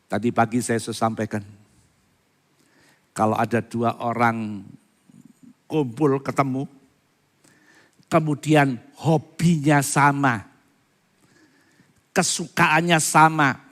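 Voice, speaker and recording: A pastor preaching a sermon, moving between soft asides and loud, fervent appeals and asking the congregation questions. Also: male voice, medium pitch, steady tone, slow, pauses often. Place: church. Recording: reverberant church hall.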